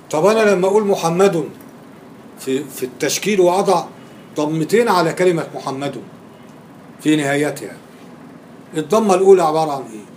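A man's voice: fairly high pitch, darkish tone, slight background noise. A man with an Egyptian Arabic accent lecturing on grammar in a classroom, quizzing his students and repeating key words for emphasis.

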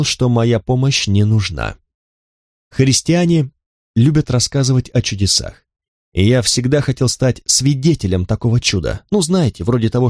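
A man narrating a novel in the first person, with steady, even storytelling. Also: mid-range voice, no echo, studio quality. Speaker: audiobook narrator.

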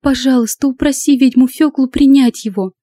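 Woman voicing a tiny, tearful young woman in an audiobook, pitched way up and pushing louder, urgent and breathless, mellow tone in a dry booth. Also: moderate pace, no room sound. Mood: pleading.

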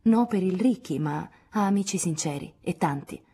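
Woman voicing a young woman, audiobook, defiant, proud, firm, husky tone. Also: lowish voice, expressive, moderate pace, dark tone, pitched above the performer's own voice. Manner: indignant, firm, spirited. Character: proud, resolute young woman defending her beloved. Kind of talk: audiobook dialogue reading.

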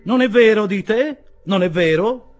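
A man's voice: sits high, sing-song, normal speed, fairly bright tone, pitched above the performer's own voice, heavily acted. A man voicing a tall, thin young stranger who rattles off clipped, broken phrases in an audiobook reading. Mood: brash voluble. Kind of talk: audiobook character voice.

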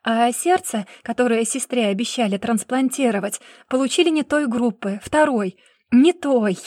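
A woman's voice: a little high, moderate pace, a little mellow, no room sound, clean studio sound, natural voice. Woman voicing a desperate pleading young wife. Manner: pleading, breathless protests. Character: desperate young pregnant wife accused of murder.

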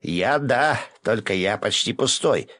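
A man voicing a shaggy one-eyed male guardian creature that shouts loudly and excitedly. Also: on the low side, a little slow, no room sound, voice pushed up. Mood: gleeful. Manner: loud, excited shouting, cackling.

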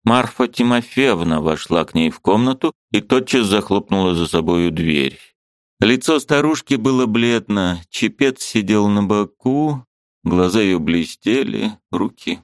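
A man narrating a classic novel as an audiobook, expressive and measured. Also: fairly low pitch, no echo, studio quality.

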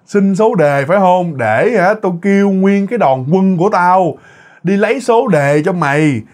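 Man doing a shrill, menacing female demon. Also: animated, a little mellow. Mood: taunting. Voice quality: shrill, half-male half-female voice. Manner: slow, drawn-out, commanding.

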